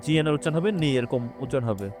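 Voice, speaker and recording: A man with a Bangladeshi accent, teaching a language lesson, who explains slowly and repeats each word and its meaning. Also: medium pitch, expressive, music in the background. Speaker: French teacher.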